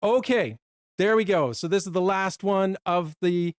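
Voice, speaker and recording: A man co-hosting a casual product live stream, chatty and quick, sometimes short of breath. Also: high-pitched, no room sound, clean studio sound. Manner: chatty, talks fast and runs out of breath.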